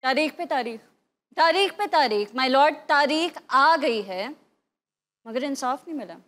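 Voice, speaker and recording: An actress putting on the voice of a scheming TV-serial daughter-in-law, with an exaggerated, dramatic delivery in a comic improv game. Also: female voice, high-pitched, slow pace, fairly bright tone.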